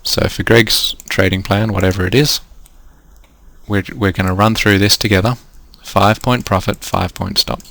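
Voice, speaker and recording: Losing his voice, an Australian-accented trading coach steps through figures in a screen-recorded lesson. He talks at a normal speed with fairly even intonation, and his voice is on the low side, creaky and fairly bright.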